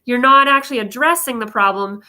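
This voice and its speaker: Female vocal coach, higher-pitched and very bright, explanatory and emphatic, talking informally to online viewers. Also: fairly quick. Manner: explanatory, emphatic, with frequent check-in questions. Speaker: vocal coach presenting advice videos. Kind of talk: informal instructional talk to viewers.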